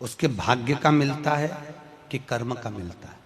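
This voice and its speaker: A man's voice: mid-range voice, lively intonation, unhurried. A man preaching a devotional sermon, quizzing the gathering with questions and acting out dialogue between deities with rising emotion. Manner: calls questions to the crowd, acts out divine dialogue with rising emotion. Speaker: katha preacher. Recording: echoey hall with long reverb.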